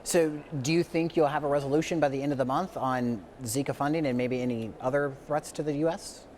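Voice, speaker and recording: Brisk American male news anchor. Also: medium pitch, darkish tone, a little hiss or hum. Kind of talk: broadcast news interview.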